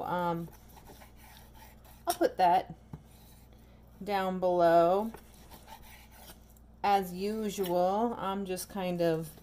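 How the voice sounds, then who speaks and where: A woman chats her way through a recipe in her own home kitchen, unhurried and drawn out, tossing in wry comments between steps. She is picked up by a camera mic over the stove, with frying and stirring sounds clearly audible underneath. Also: on the low side, mellow, slight background noise. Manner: chatty, wry asides while stirring. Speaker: home cooking vlogger. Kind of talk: casual cooking narration.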